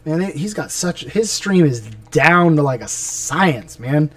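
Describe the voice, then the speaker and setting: Speaking at a measured pace, this man has a slightly high, expressive voice with a fairly bright tone and no room sound. He's painting miniatures on a live stream, rambling casually and talking to himself as he goes. His mic sits a bit far away and music plays in the background.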